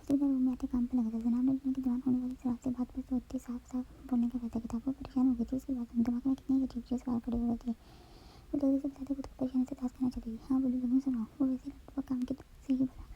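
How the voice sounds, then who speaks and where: A woman reading a romance novel aloud in a hushed, breathy whispered role-play. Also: high voice, little pitch movement, fast. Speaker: novel reader. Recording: slightly dull lo-fi recording.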